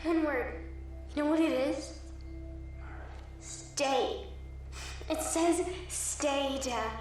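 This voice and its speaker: Upset little daughter, very high voice, stubborn, pleading, film drama, heavy echo. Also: female voice, extremely slow, a little mellow. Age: child. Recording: echoey distant film audio, faint music.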